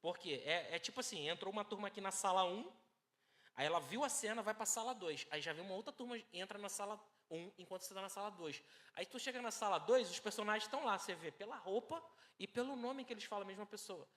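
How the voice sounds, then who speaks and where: A man's voice: sits high, fast. Emphatic Brazilian man preaching in reverberant hall. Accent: Brazilian Portuguese. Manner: emphatic, swings from hushed storytelling to loud exhortation. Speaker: pastor. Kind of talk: sermon with personal testimony.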